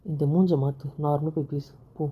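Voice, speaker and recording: A man's voice: fairly high pitch, steady tone, fairly quick, breathy edge, muffled recording. A man voicing the hero's friend, a young man who scolds and pushes him to go make up. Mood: bossy. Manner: chiding, pushy.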